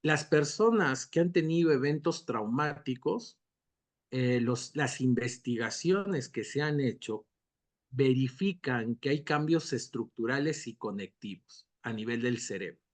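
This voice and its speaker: A man, a doctor and guest expert, giving calm, lecturing answers in an interview and acting out short dialogues as examples. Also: mid-range voice, a little slow.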